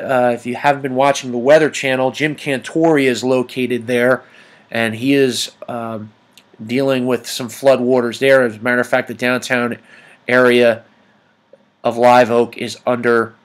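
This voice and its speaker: Man giving a halting weather briefing. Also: medium pitch, steady tone. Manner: hesitant, halting delivery with frequent ums. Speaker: amateur weather report host. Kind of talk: informal weather briefing over screen maps.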